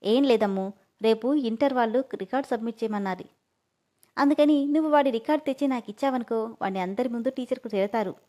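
A woman's voice: a little high, fast talker, warm tone, lightly acted. A woman voicing a cunning teenage schoolboy who coaxes with a sly, sweet tone. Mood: coaxing. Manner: coaxing, sly.

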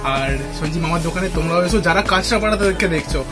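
A chatty young-sounding man talks his viewers through a family visit in a casual vlog. His voice sits a little high, and loud background music plays under it the whole time. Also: quick pace. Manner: chatty, addresses viewers as guys, mixes in English words. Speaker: vlogger. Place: family home and shop, indoors.

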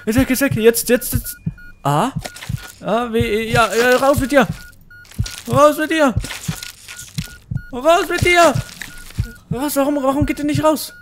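A young man giving excited let's-play commentary, frantic, often yelling and pleading at the game. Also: extremely high pitch, a little slow, long pauses, music in the background. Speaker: gaming YouTuber.

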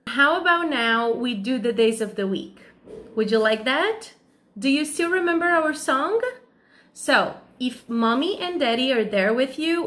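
Slow sing-song woman teacher. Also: sits high, fairly bright tone. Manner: slow, sing-song, encouraging questions to children. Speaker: kindergarten teacher. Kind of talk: online lesson for young children.

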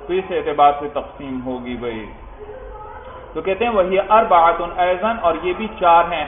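A man giving a classroom lecture on Islamic jurisprudence, reading Arabic text aloud and explaining it, often asking questions and answering them himself. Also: sits high. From Pakistan. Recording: echoey, phone-like, lightly noisy classroom recording.

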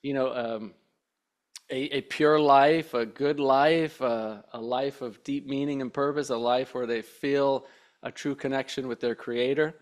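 A man in his thirties hosting a podcast from a home studio, speaking earnestly and thoughtfully with many hesitations into a mic on a boom arm. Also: steady tone, unhurried. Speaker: podcast host. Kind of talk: reflective interview conversation. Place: home studio with shelves and plants.

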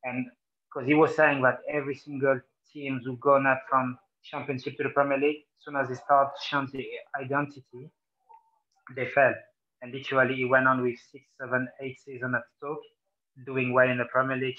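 Flat-voiced former footballer from Senegal. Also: male voice, medium pitch, brisk, muffled recording. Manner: animated when quoting, repeats "literally" and "you know". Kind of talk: casual interview chat.

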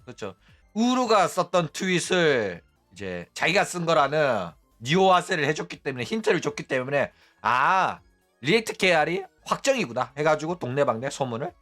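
A man's voice: a little high, a bit bright. A man hosting a commentary channel, ranting bluntly and mockingly and tagging his points with "right?". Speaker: VTuber news channel host.

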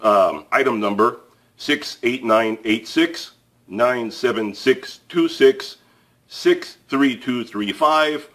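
A man with a medium-pitched, fairly bright voice hosts a tool review channel. Working indoors at a table filmed from above, he handles a tool while chatting casually to the camera. His delivery is plain-spoken and chatty, full of fillers and restarts.

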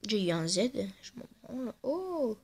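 A woman's voice: on the high side, big pitch swings, measured pace, a little mellow, breathy edge. A woman giving casual let's-play commentary, playful and trash-talking the game, often muttering under her breath. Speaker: gamer.

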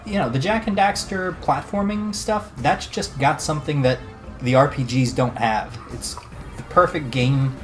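A man's voice: on the high side, moderate pace, fairly bright tone, soft background music. A man co-hosting a let's play, chatting earnestly about the games he loves, with dry quips. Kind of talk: casual gaming commentary.

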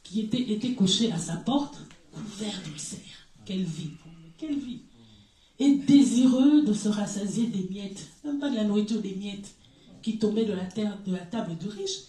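A woman's voice: medium pitch, normal speed. A woman preacher giving a conversational sermon, asking her listeners questions and breaking into brief laughs. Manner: lively, asks the congregation questions, brief laughs. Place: church hall. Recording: echoey room, voice far from mic.

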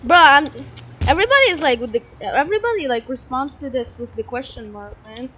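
A woman giving excitable, rambling gameplay commentary into a broken microphone, repeating hype shouts. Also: high-pitched, fairly quick, dull audio, slight background noise. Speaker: gamer streamer.

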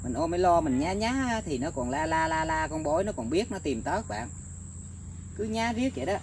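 A man talking casually to his viewers outdoors, rambling with many filler pauses. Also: high voice, very animated, gravelly, noisy background. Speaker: bird-trapping vlogger. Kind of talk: casual outdoor vlog narration. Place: outdoors in countryside.

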